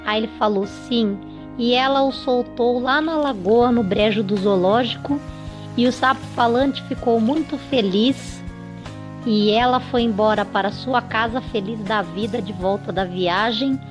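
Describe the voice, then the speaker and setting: A woman's voice: a little high, measured pace. A woman casually telling a children's story off the cuff, with lots of fillers and restarts, faint music behind. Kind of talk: improvised children's story narration.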